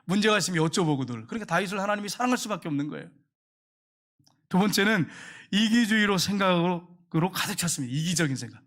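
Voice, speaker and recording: Male pastor, high voice, rapid emphatic sermon delivery with repeated phrases. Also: lively intonation, fairly bright tone.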